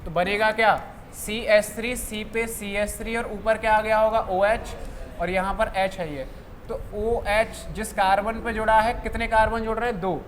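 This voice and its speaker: A young man teaching a chemistry class who keeps asking questions and answering them himself, dropping low on each answer. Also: steady tone, normal speed. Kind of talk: classroom lecture. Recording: faint background noise.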